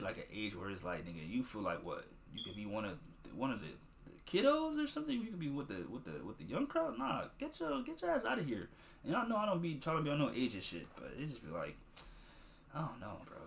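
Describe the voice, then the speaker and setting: A young man in his twenties hosts a solo podcast in casual commentary, his voice in the middle of the usual male range. He rambles, restarts his sentences and leans on slang, then breaks into animated bursts. A faint hiss sits under the recording. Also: mid-range voice. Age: 20s. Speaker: podcast host.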